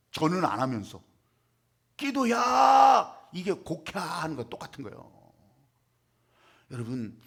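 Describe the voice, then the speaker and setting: Male pastor, sermon delivery, high husky voice, dramatic and theatrical, voices his characters.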